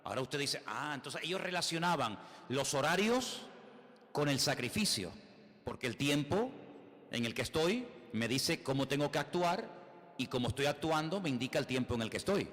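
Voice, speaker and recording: A man's voice: a little high, expressive, moderate pace, fairly bright tone, in a large hall. A man with a Spain Spanish accent preaching a sermon as a pastor, emphatic, full of rhetorical questions and repeated phrases.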